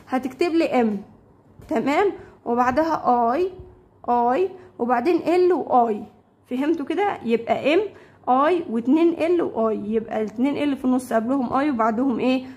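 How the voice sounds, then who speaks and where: A woman teacher with an Egyptian Arabic accent, explaining English words to young pupils, repeating them slowly and checking often that they follow. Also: sits high, a little mellow. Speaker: primary school English teacher. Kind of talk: classroom lesson explaining vocabulary.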